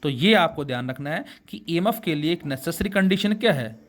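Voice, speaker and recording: A man with a fairly bright, higher voice and lively intonation teaches physics to a class, talking a little fast. He mixes English terms into his Hindi, calls the students beta, and answers his own rhetorical questions.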